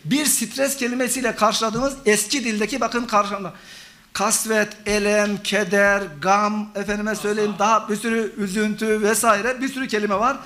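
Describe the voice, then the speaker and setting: Speaking at a normal speed, this middle-aged professor has a high-pitched, pushed and bright voice with little pitch movement. He lectures a conference hall audience he treats as friends, listing examples and synonyms in his academic talk.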